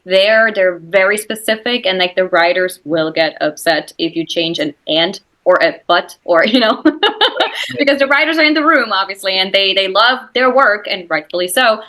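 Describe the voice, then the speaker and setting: A Swiss German actress, speaking English with her native accent, chats as a guest in a casual interview, full of "like" and "you know" and quick to laugh. Her medium-pitched voice is expressive, pushed and bright, and she talks a little slowly.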